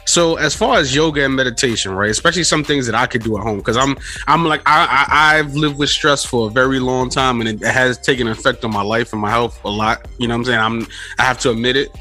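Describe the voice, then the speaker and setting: A man's voice: medium pitch, quick pace, few pauses, pushed and bright, soft background music. A man interviewing in a casual, candid way, often repeating phrases for emphasis.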